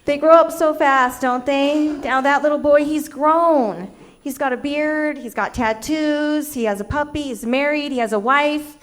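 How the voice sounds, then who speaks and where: A woman in her fifties doing a stand-up comedy set on a club stage, delivering punchlines deadpan with playful self-mockery. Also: sits high, a little slow. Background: audience laughter.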